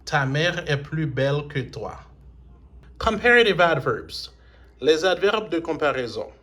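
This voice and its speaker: A man gives a recorded English lesson in a slightly high voice. He takes his time, spells letters one by one and says each example word twice. He moves steadily between English samples and French explanations. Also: animated, fairly bright tone. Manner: spells out letters, repeats example words slowly. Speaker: English teacher.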